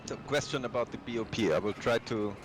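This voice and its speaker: Low-voiced man over engine noise. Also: fairly quick. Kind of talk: casual chat during sim racing. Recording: clear engine noise behind voice. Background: racing car sounds.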